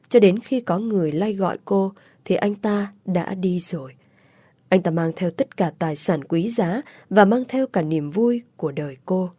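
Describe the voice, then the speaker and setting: A woman reading a story aloud in a measured, emotive narration. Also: lowish voice, dark tone, dry recording. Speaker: audiobook narrator.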